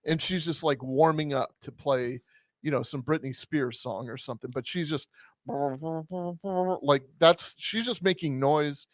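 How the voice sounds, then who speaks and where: A man's voice: fairly high pitch, a little slow, no room sound. A man co-hosting a casual commentary chat in a wry, joking way. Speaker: commentary show co-host.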